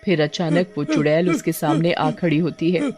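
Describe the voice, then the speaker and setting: A woman narrating an animated horror story in a plain, steady storytelling voice. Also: deep voice, moderate pace, very noisy.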